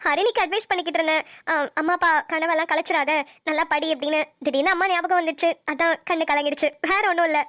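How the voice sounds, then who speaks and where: Woman voicing a squeaky-high cheeky cartoon college girl, sharp bright tone, teasing; dry close mic. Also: steady tone, fast talker, dry recording. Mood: playful. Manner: teasing, playful banter. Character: cheeky young female college student. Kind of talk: cartoon voice acting.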